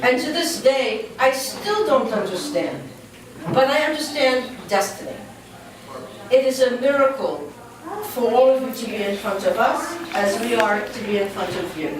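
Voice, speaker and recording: A woman's voice: on the high side, lively intonation, normal speed. A woman introducing her mother to an audience, emotional and joking by turns. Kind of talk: introduction speech. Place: large room. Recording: echoey hall from far off, with noise.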